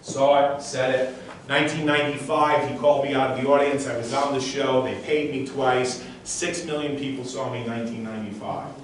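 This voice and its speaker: At a live stage show that mixes a motivational talk with an audience demonstration, a male mind reader and stage performer works the crowd intensely. His medium-pitched, fairly even voice is brisk and emphatic as he circles back on phrases and gives short commands. He sounds distant in a large, very echoey room before a live audience, with faint noise.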